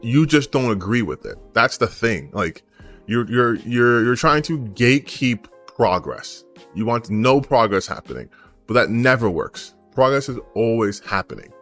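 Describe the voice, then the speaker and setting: A man's voice: medium pitch, animated, unhurried, a bit bright, faint music behind. An American man, a gaming channel host, ranting his opinion off the cuff, emphatic and blunt, firing rhetorical questions and swearing casually. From United States. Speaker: gaming YouTuber. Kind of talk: unscripted opinion rant to camera.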